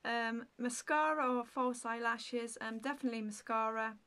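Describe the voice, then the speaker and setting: A woman in her thirties talks straight to the camera in a relaxed Q&A vlog, her voice sitting a little high. She rambles through viewer questions with plenty of ums and likes. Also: moderate pace, clear, resonant tone. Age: 30s. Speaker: beauty vlogger. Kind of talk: casual Q&A vlog.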